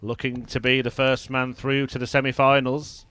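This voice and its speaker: A man giving live darts commentary in measured, analytical short observations. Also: mid-range voice, little pitch movement, bright, forceful tone, slight background noise.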